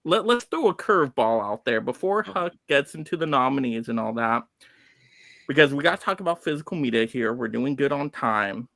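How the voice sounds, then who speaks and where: A man hosting a casual live-streamed award show, animated and playfully teasing as he builds things up. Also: medium pitch, fairly quick, gravelly, no room sound. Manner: animated, exclaiming.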